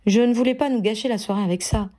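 A woman's voice: a little high, fast, dark tone, natural voice. A woman reading a storybook, voicing a reassuring young woman who plays things down. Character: young adult woman, soothing and downplaying.

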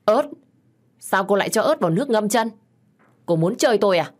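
A woman's voice: medium pitch, expressive, a little fast, a little mellow, voice pushed up, lightly acted. A woman doing a furious hot-tempered young master. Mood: angry.

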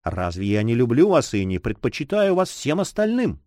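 A man's voice: mid-range voice, very animated, normal speed, darkish tone, no room sound, studio quality. A man reading an earnest young nobleman in love in an audiobook, tender and agitated. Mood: ardent.

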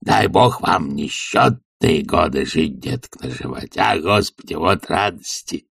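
Guy putting on a wheezy old servant, hoarse and gravelly, mumbling slow. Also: rumbling low, expressive, a bit bright, recorded from a distance, heavily acted. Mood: fussing. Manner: slow, mumbling, pious exclamations. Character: old male servant, wheezing, fussy, devoted.

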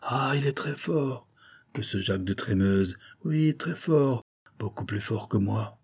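A man reading a novel aloud, voicing a tormented, vengeful banker father who shouts and falters. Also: medium pitch, measured pace, vocal fry, slightly rough. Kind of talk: audiobook character reading.

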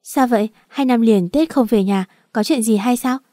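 A warm-hearted young woman student, the heroine's best friend, who chats and teases in a spoken story, as a woman narrator voices her. The tone is mellow and the recording dry. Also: fairly high pitch, normal speed, dry recording, natural voice.

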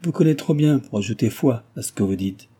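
A man's voice: mid-range voice, expressive, brisk, dark tone, breathy edge. A man doing a wary young heiress. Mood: composed.

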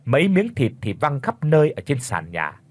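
Husky, lively male storyteller. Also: medium pitch, normal speed. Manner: expressive, dramatic storytelling. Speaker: audiobook narrator. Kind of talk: scripted story narration.

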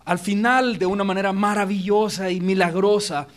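Pastor guy preaching in church, pretty high voice, talks right to the crowd. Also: normal speed. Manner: emphatic, addresses congregation directly. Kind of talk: sermon. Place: church auditorium.

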